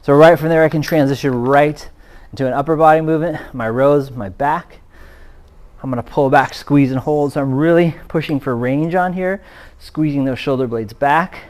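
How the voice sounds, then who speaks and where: A man's voice: fairly high pitch, moderate pace. Breathless male fitness coach demonstrating exercises. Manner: energetic, explaining while exercising, gets louder during effort. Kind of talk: demonstrating a workout on camera.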